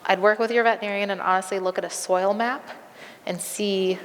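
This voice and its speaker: A woman's voice: medium pitch, fairly even intonation, fairly quick, a bit bright, long reverb tail. A woman veterinarian answering audience questions at a live presentation, conversational with frequent ums, and losing her voice. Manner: conversational, many um fillers, practical.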